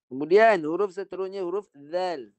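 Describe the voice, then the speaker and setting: A Quran recitation teacher with a Malaysian Malay accent runs an online lesson by video call, patiently going over brief drills and corrections. He has a high-pitched, darkish voice and a moderate pace, captured in a dry recording.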